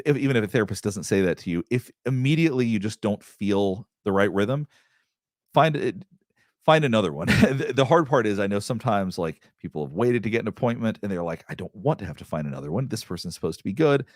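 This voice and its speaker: A middle-aged therapist from the Southeastern United States hosts a live Q&A, rambling casually through viewer questions with lots of restarts and fillers. His voice is on the low side, expressive and fairly quick, recorded in studio quality with no room sound.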